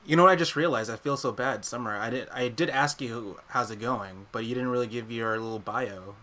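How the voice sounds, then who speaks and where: Bright-voiced giggly young man. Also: medium pitch, fairly quick. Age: 20s. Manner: giggly, introducing others. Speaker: podcast host. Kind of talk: casual chat.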